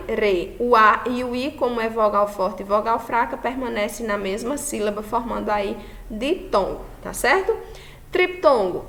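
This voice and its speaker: A Brazilian woman with a Brazilian Portuguese accent and Portuguese as her first language, teaching a Spanish lesson in a slow, explanatory way and often checking if students follow. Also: fairly high pitch. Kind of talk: recorded class lesson.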